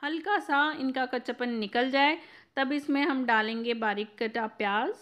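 Bright-voiced woman narrating a recipe. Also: sits high, normal speed, lo-fi sound. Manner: clear step-by-step instructive. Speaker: cooking channel host.

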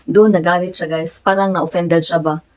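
A woman's voice: lowish voice, moderate pace, poor audio. A woman from the Philippines with a Filipino accent, telling a story in a casual vlog, switching between Tagalog and English as she retells her conversations. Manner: grows animated and emphatic. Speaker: vlogger.

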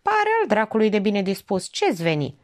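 Weary calm male doctor, questioning, mid-pitched voice, read by a woman, audiobook. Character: tired, level-headed male doctor.

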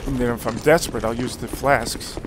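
A man giving profane, reactive commentary while playing a video game, swinging from low mutters to loud disbelief. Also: steady tone, a little fast, background noise. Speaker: let's play commentator.

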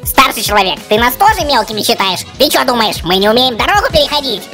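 A woman's voice: fairly high pitch, sing-song, fast. A woman voicing a brash, sarcastic talking corgi in a comic cartoon dog story. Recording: music behind the voice.

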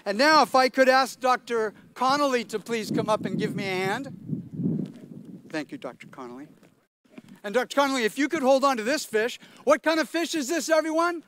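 A man's voice: very high-pitched, lively intonation, normal speed, fairly bright tone, a little hiss or hum. An older man giving a playful outdoor commencement speech at a podium mic, quizzing the audience. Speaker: commencement speaker. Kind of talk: lively speech to a crowd. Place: outdoor stadium ceremony.

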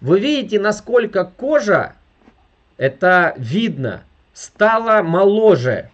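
This thirties-aged man pitches network marketing over a video call from a furnished indoor room, emphatic and forever addressing his viewers. He speaks high and sing-song at a slow pace, and the sound is lo-fi.

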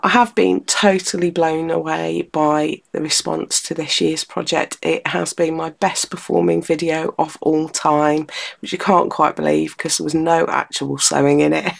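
Brief: woman, low-ish voice, croaky and nasal from a cold, gravelly edges; friendly step-by-step craft tutor. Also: fairly even intonation, unhurried. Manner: chatty, friendly, explains step by step. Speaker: textile art tutor. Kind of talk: relaxed craft tutorial talk.

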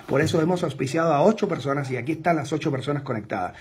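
A man's voice: on the high side, very fast, slight background noise. A man coaching his sales team in an intense, emphatic, repetitive motivational talk. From outside Mexico.

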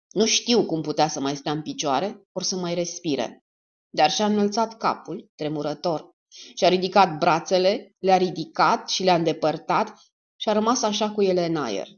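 A woman reads a dark crime audiobook in a lowish voice that rises and dips expressively. Her delivery is steady and measured. The recording sounds slightly dull and lo-fi. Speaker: audiobook narrator. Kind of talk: dramatic audiobook narration.

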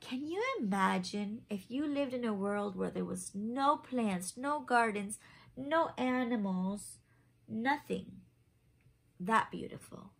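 A woman in her thirties gives an expressive story-time reading of a picture book, speaking slowly in a fairly high, creaky voice. She pauses for simple questions to the children listening, all within a small room at home.

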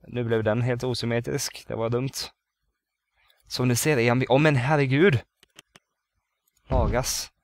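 A man's voice: mid-range voice, gravelly, no room sound. A man chatting casually through his gameplay, thinking aloud and counting under his breath as he builds. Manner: bursts into loud excited exclamations. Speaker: let's play gamer.

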